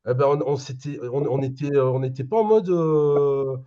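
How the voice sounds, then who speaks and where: A guitarist talking casually in a band interview, animated and full of restarts. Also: male voice, medium pitch, normal speed, dull audio.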